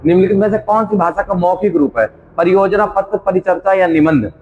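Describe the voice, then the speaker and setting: An exam coaching teacher with a slightly high male voice leads a quiz-style revision lesson, going a little fast. He reads each question and its options aloud, repeats it, and then gives the answer. The recording is dull and carries a long hall reverb.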